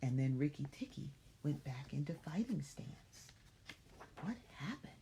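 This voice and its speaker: A woman's voice: low voice, lively intonation, moderate pace, mellow, slight background noise, low-quality recording. A woman reading a children's story aloud as if to a toddler, dramatic, with questioning asides to the young listener.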